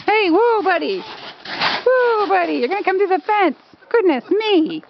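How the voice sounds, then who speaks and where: A woman's voice: very high voice, expressive, normal speed, creaky, highs cut off, slight background noise. A woman filming her horse outdoors by a fence, chatting to him fondly and laughing often, on a handheld camera. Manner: laughing often, cooing affectionately. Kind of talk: casual chat to a horse.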